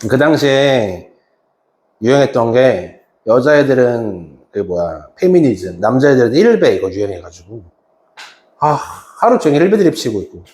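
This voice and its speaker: A man telling his class a story from his teaching days, with a lively voice that swings up and down. He acts out his own scolding of students with sudden loud shouts. The room around him sounds echoey. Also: medium pitch, moderate pace. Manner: animated, wide-ranging delivery. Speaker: academy teacher. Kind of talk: storytelling anecdote in a class talk. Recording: roomy echo.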